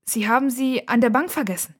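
A woman voices an anxious, fiery young girl in a storybook reading, her voice pitched high and girlish. She swings into sharp, urgent outbursts, then drops to a breathy hush when she talks to something she treasures. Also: a little fast.

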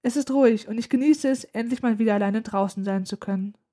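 A woman narrating a story in a calm, even storytelling manner. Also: a little high, fast. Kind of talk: audiobook narration.

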